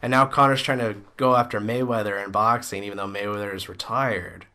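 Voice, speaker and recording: A man's voice: fairly low pitch, fairly even intonation, fairly quick, pushed and bright. A man co-hosting a podcast in casual chat, blunt and opinionated, swearing freely. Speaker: podcast co-host.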